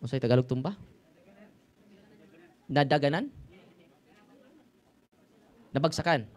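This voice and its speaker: A Filipino-accented priest preaching in a loose, conversational way, peppering his talk with little tag questions. His voice sits at an ordinary middle pitch, and now and then he rises into loud, ringing exclamations. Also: slow pace. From Philippines. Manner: chatty, tag questions, mixes languages, sudden loud exclamations. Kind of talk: informal sermon to a live audience.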